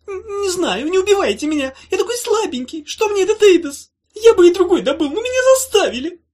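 A woman's voice: very high voice, big pitch swings, a little fast, a little mellow, voice pushed up. A woman voicing a cowardly, whiny succubus trapped in a box, stammering and pleading.

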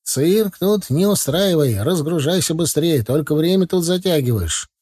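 An actor voicing a sly, wiry older male village truck driver who shouts and teases. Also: fairly high pitch, animated, normal speed, breathy edge, voice pushed up. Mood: shouting, gruff. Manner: shouting, teasing.

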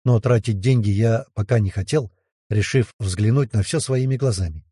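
A man giving steady first-person scripted narration of a science fiction audiobook. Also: on the low side, normal speed, husky, no room sound, studio quality.

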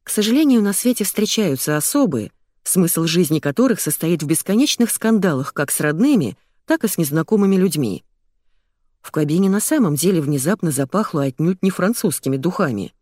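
A woman narrates a first-person audiobook in a wry, conversational way. Her pitch moves around with lively phrasing. The sound is close and dry, as from a studio mic. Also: fairly quick, no echo.

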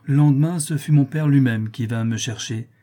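A man reading a classic novel aloud as scripted narration, steady and unhurried. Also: medium pitch. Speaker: audiobook reader.

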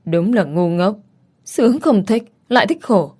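A woman playing a smug young henchman in a spoken horror story, scornful and self-satisfied. Mellow tone, middling pitch. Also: animated, unhurried, husky.

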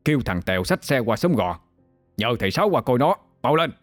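Man voicing an irritable father, barking his orders fast. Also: medium pitch, big pitch swings, no echo, faint music behind. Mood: irritated. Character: short-tempered middle-aged village father.

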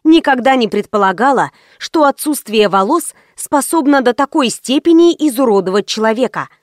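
A woman's voice: on the high side, animated, normal speed, no room sound, studio quality. A woman narrating a first-person audiobook in a wry, ironic storytelling manner.

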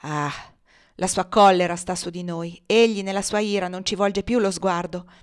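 A woman's voice: on the low side, fairly even intonation, moderate pace, clean tone, natural voice. A woman reading the part of a bitter, grieving enslaved woman, grave and intense in a storybook reading. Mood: bitter grief.

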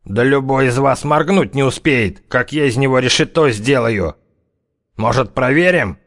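A man voicing a cocky, menacing gangster who threatens in slow, drawling criminal slang. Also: mid-range voice, a bit bright, pitched above the performer's own voice, close to an everyday voice. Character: tough one-eyed-gouging gangster, cocky, menacing.

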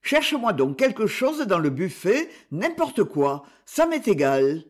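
A man reading aloud puts on a growling, drunken old father with a bullying temper, in a storybook. His voice rides high and swings widely as he scolds, and the delivery is slow and heavy. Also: very animated, full character voice.

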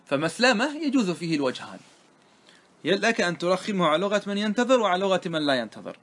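A man teaching a grammar lesson. He explains a classical poem line by line, asks his listeners questions and answers them himself, and slows down to quote the verses. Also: high voice, very animated, fairly bright tone.

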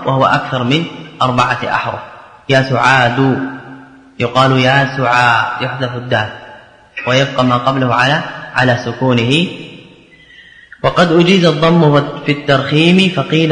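A man teaching grammar, explaining a verse text line by line, asking and answering his own questions and repeating key phrases slowly. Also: mid-range voice, a bit bright. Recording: echoey hall with long reverb.

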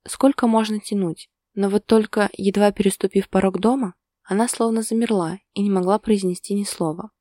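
A woman narrating a story in a calm, even storytelling manner. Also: medium pitch, brisk, no echo, clean studio sound.

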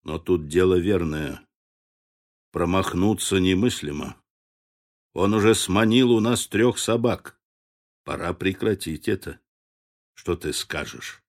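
Man voicing a gruff low-voiced trapper. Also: measured pace. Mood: hushed, tense. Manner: low hushed gruff delivery. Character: rough gruff male frontier trapper, grim. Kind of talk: audiobook character voice.

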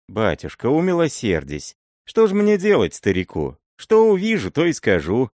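Man putting on a high, pleading old miller. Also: huge pitch swings, normal speed, no room sound, studio quality. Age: older. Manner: pleading, wheedling, high-pitched. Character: timid fawning old male miller sorcerer. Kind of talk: audiobook character voice.

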